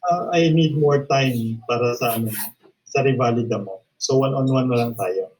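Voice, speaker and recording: A man with a Filipino accent, facilitating an online class over a video call, brisk and mixing English with Tagalog. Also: medium pitch, a little mellow. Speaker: course facilitator. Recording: dull lo-fi video call audio.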